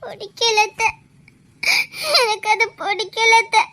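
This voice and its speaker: A young wife with a Tirunelveli accent weeps and pleads in a web drama, her voice breaking, as a woman acts her out. Her voice sits very high, bright and sharp. Every line carries the sob of someone hurt. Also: steady tone, measured pace, exaggerated voice. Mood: tearful. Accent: Tirunelveli Tamil. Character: tearful young wife, hurt and feeling betrayed. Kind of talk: web series drama acting.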